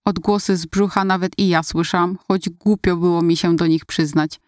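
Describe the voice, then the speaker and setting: A woman narrating a first-person story in a calm, confiding way. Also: lowish voice, moderate pace, no room sound, studio quality. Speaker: audiobook narrator.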